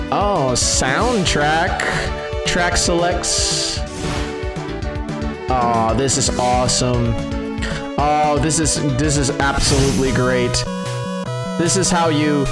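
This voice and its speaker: A man hosting a live gaming stream, chatting with viewers, excitable, laughing often and repeating himself. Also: fairly high pitch. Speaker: streamer host. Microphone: desk microphone.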